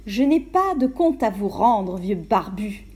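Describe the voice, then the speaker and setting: A spoiled, contemptuous storybook girl who speaks with haughty scorn, as a woman puts her on. The voice keeps a dark, mellow timbre. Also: on the high side, moderate pace, natural voice. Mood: scornful.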